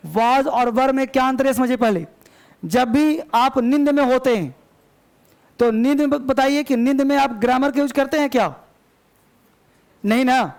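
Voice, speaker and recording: A male English teacher, drilling example sentences slowly and quizzing his students in a live lesson. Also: very high-pitched.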